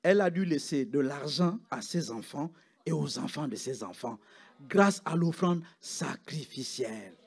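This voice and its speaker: A man preaching in church with a high, bright-sounding pitch. His delivery swings wildly, climbing into loud calls and then dropping almost to a murmur. The pitch moves a great deal. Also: animated, unhurried, breathy edge. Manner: preaching with rising shouts and sudden hushed drops. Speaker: pastor. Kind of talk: sermon.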